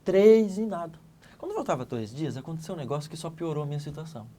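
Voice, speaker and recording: Quick, animated man telling his story. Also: on the high side. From Santa Catarina, Brazil. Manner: lively storyteller, acts out dialogue, swings between loud and hushed. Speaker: interview guest. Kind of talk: animated personal testimony.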